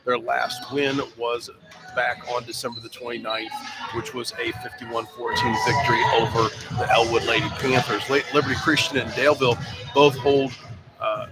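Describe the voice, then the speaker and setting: A man broadcasting a high school basketball game, giving a measured, stat-heavy pregame preview from the school gym. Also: low-quality recording. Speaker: play-by-play broadcaster.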